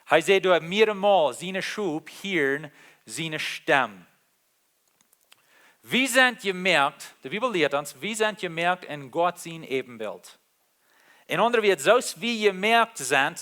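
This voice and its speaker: A man's voice: on the high side, animated, slow pace, fairly bright tone. A man preaching a sermon, repeating key phrases with emphasis and switching between languages mid-sentence.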